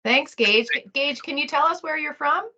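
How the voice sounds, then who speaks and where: A woman's voice: high-pitched, normal speed, bright, forceful tone. A woman informally hosting an online class session over a video call, with hesitant phrasing. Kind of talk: informal moderating. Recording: muffled video call audio.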